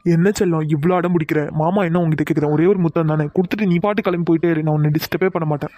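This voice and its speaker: A rapid-fire, sneering young college bully, voiced by a man in a cartoon drama, with a slightly high voice. He taunts and coaxes, then turns whiny and begs when cornered. The sound is dry and close. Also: fairly even intonation, warm tone, no echo, close to an everyday voice. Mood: taunting.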